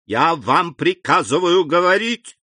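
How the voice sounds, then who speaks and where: A man voicing an indignant aging French king, imperious and frightened, in a commanding voice with sharp outbursts. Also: a little high, animated, measured pace, no room sound, clean studio sound, pitched above the performer's own voice, exaggerated voice.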